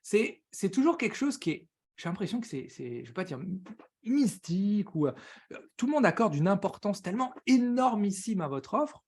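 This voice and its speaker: A man with a French accent hosting a live business coaching stream, talking very fast and excitedly, greeting viewers by name and using slang. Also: high voice, husky.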